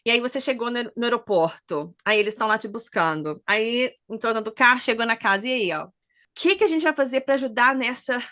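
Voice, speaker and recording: A woman's voice: fairly high pitch, brisk. A woman, co-hosting a podcast in casual chat, giving advice and steering the topics. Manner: lively, gives advice and leads topics. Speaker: podcast co-host.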